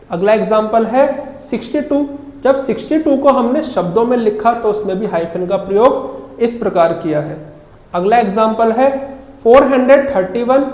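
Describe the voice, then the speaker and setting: A woman teaching an English grammar lesson in Hindi, explaining each rule slowly and carefully with examples. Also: mid-range voice, darkish tone. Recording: roomy echo.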